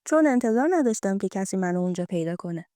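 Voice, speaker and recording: A woman narrating a true-life story in the first person, reading in a steady, gentle way. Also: medium pitch, smooth, no echo, studio quality.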